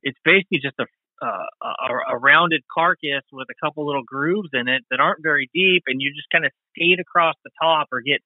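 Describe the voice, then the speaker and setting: Guy telling bike stories, does the voices, kinda high, sounds like a phone call. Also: fairly quick, no room sound. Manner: animated, acts out quotes with pitch jumps. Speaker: podcast guest, motorcycle tire reviewer. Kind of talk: casual storytelling chat. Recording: tinny phone-like line, dry.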